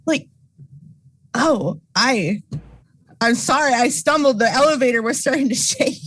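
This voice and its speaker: High, husky-voiced woman playing a tabletop game. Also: moderate pace, a bit bright, dry recording, low-quality recording. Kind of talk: casual game chat.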